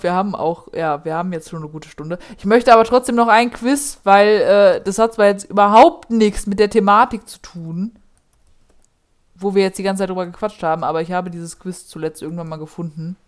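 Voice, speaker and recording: A young woman hosting a casual chat, reading quiz questions and results aloud with a giggly, playful manner. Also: mid-range voice. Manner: giggly, reads story text with playful emphasis. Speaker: host running online quizzes.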